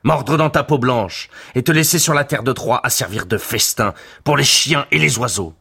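A man's voice: very deep voice, slow, bright, forceful tone, heavily acted. A man doing a scornful Trojan hero. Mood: defiant. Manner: taunting, defiant.

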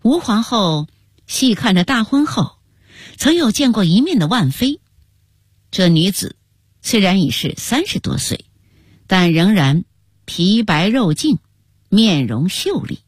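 A woman telling a historical story in scripted narration, with an expressive, melodic delivery. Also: medium pitch, unhurried, pauses often, husky, no echo, clean studio sound. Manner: expressive, rising and falling melodically.

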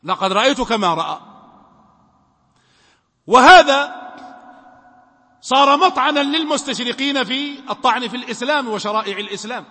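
High bright-voiced sheikh teaching. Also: male voice. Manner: emphatic, poses questions to students and answers them. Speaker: sheikh teaching Islamic law. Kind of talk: religious lesson. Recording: long reverb from a hall.

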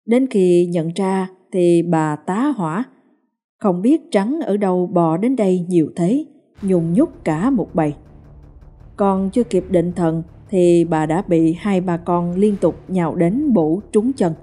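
A woman reading a ghost story in a steady, dramatic storytelling manner. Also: lowish voice, takes it slowly. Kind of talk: scripted ghost story narration. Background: soft music.

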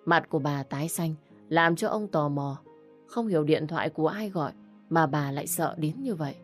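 A woman with a low voice reads a story aloud in steady, even narration. Soft music plays faintly behind her. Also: normal speed.

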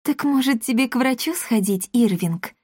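A woman's voice: a little high, animated, moderate pace, a little mellow, husky, no room sound, studio quality, voice pushed up. A woman voicing a sly, playful young girl in love.

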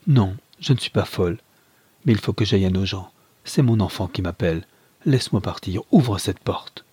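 A man's voice: sits low, normal speed, warm tone, slightly rough, no echo. A man reading aloud voices an impassioned young mother, torn between her lover and her child, with a pleading, breathless manner.

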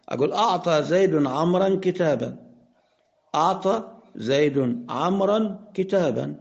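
A man with an Egyptian accent teaching Arabic grammar. He asks questions, answers them himself, and slows down to spell out example sentences. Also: a little high, creaky, darkish tone, muffled recording. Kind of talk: explanatory lesson.

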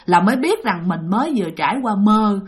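A woman's voice: medium pitch, very animated, brisk. Chatty Southern Vietnamese woman telling a ghost story. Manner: chatty, addresses listeners directly.

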